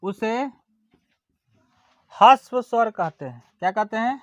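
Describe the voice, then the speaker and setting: A teacher giving a grammar lesson, dictating definitions slowly, repeating words and checking that students follow. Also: mid-range voice, expressive, no echo. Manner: slow and deliberate, repeats words and checks understanding; drawls vowels aloud as examples.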